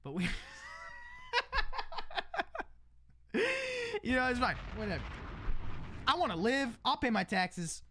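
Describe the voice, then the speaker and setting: A man's voice: sits high, animated, moderate pace, bright, forceful tone, a little hiss or hum. A man talking casually on his livestream, rambling with lots of restarts, tossing in "bro" and "man" and laughing between lines. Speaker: livestream host.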